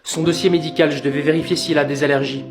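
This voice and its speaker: A calm male doctor delivers his news in a lowered, flat, deadpan voice, as a woman acts him out. It is a comedy sketch with loud music underneath. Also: fast talker, close to an everyday voice.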